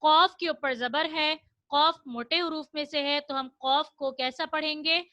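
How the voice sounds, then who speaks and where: A woman teaching children Quran recitation online, explaining each rule and then chanting the verses slowly for them to repeat. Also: sits high, steady tone, pushed and bright, no room sound, muffled recording. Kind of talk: online children's tajweed lesson.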